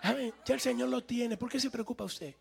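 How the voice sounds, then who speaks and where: A male pastor preaches in a church with a gravelly, husky edge. He calls out to the congregation and acts out the quotes he tells. A faint murmur from the pews is heard behind him. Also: extremely high pitch, brisk, some chatter behind. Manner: emphatic preaching with call-and-response and acted-out quotes. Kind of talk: sermon. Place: church sanctuary.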